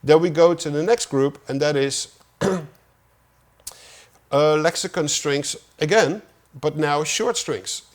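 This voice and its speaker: A middle-aged man, a music producer, casually walking through his studio setup in a tutorial, with relaxed, self-deprecating asides. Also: on the high side, takes it slowly, pauses often.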